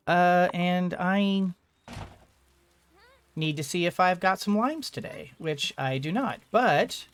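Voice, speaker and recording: A gaming host tosses out casual let's-play commentary in a medium-pitched voice, thinking aloud in fragments and dropping playful asides.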